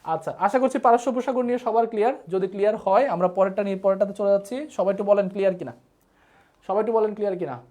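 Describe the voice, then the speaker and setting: This man's voice sits high and mellow, and he talks at a quick pace. Speaking with a Bangladeshi Bengali accent, he runs a live online class, drilling terms over and over and asking viewers to comment.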